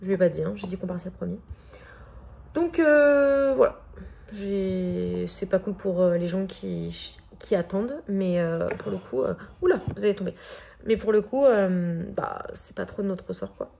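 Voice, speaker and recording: A woman's voice: mid-range voice, moderate pace, vocal fry, dark tone. A woman in her thirties from France with a French accent, chatting casually in a vlog with many hesitations and fillers. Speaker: vlogger.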